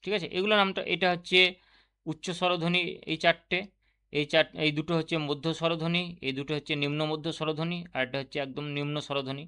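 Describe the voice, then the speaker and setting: A man's voice: fairly high pitch, fairly even intonation, fast, sharp tone, clear, resonant tone. A man teaching Bengali grammar for a teacher exam, explaining step by step and asking and answering his own questions. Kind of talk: online exam-prep lesson.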